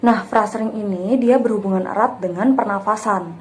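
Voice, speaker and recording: A woman music teacher explains breathing and phrasing to her pupils during a classroom lesson with sung examples. She's patient, using frequent fillers, and speaks at a moderate pace with a medium-pitched, darkish voice.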